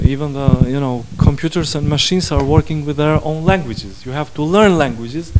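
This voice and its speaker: A man with a slightly high voice, speaking English as a with as his first tongue, pausing and restarting often as he answers questions on a panel. The sound comes through a handheld mic in a small conference room, with steady noise underneath. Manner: halting, many restarts and fillers. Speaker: parliament president, panel guest.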